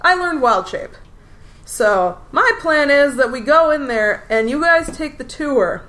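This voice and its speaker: A woman's voice: high-pitched, fairly bright tone. A woman voicing her druid character in a tabletop game, casual and offhand as she lays out a plan. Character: druid adventurer Murdoch, plain-spoken.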